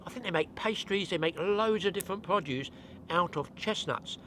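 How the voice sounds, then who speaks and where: A man's voice: sits high, moderate pace, fairly bright tone, a little hiss or hum. An older British man hosting an outdoor channel, chatting casually and rambling with a self-mocking humour at a forest cabin. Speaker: channel host.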